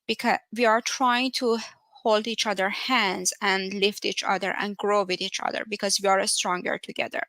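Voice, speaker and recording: Iranian woman in her thirties, research scientist presenting at a virtual meetup; earnest, measured, pauses with fillers; bright, crisp tone, dry close sound. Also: medium pitch, dry recording. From Iran. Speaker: conference speaker, research scientist. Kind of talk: technical talk. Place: home, via video call.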